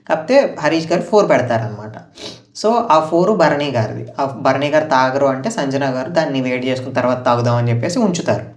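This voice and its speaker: A man talks through a reality show recap in an easy, chatty way, acting out bits of the contestants' dialogue before giving his own take. His voice sits in the middle range. He sounds set back from the microphone, and the room around him rings with echo. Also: medium pitch. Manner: chatty, retells house dialogue in quotes, opinionated asides. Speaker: show reviewer. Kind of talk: casual recap commentary. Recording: roomy echo, voice far from mic.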